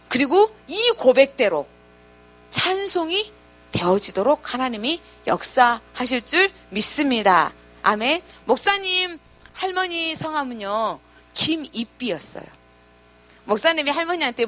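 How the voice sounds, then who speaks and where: A woman's voice: high-pitched, fairly bright tone. A woman pastor preaching to a youth group, telling a story with acted quotes and questions to her listeners. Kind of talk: sermon to teenagers.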